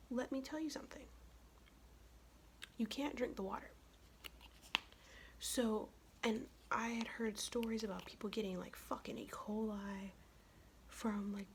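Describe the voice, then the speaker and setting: A young woman from the United States whispering in a close, raspy ASMR voice, her throat worn from illness, telling a blunt, profane, chatty story. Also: on the high side, fairly even intonation, unhurried, long pauses, a little hiss or hum. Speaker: ASMR vlogger.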